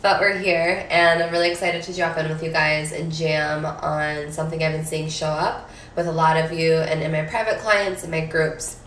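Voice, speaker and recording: Woman coach going live, stuffy nasal voice from a cold, lowish tone, chatty, sounds kinda far off in an echoey room. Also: level tone, moderate pace, a bit bright, slight background noise. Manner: upbeat, chatty, swears casually. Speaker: manifestation coach. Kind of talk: casual live stream talk.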